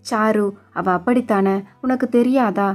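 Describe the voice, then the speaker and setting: Steady husband soothing his wife, plain and calm, as a lady narrator reads him. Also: fairly high pitch, a little slow, soft background music, close to an everyday voice. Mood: reassuring. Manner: soothing, matter-of-fact. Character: calm, reassuring middle-aged husband.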